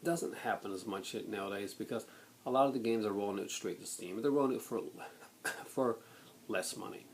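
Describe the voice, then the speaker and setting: A man in a blunt, exasperated rant to viewers, halting and then bursting into emphasis. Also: fairly low pitch. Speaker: video blogger. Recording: noticeable background noise.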